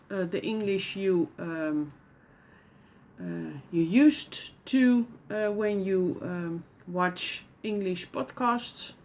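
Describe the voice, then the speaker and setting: On her knitting podcast, a Dutch-accented woman from the Netherlands shows off work in relaxed conversation. Her medium-pitched speech is hesitant, frequently broken by pauses, fillers, and restarts.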